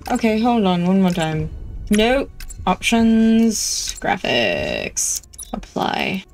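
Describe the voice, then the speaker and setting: This gameplay streamer, a woman, gives casual let's-play commentary, chatting wryly to herself. Her medium-pitched voice is slow and a little mellow, with faint music in the background of a low-quality recording.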